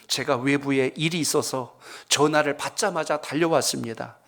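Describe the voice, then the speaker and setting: A man acting out a calm, gentle surgeon who speaks politely and reassuringly. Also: medium pitch, normal speed, vocal fry.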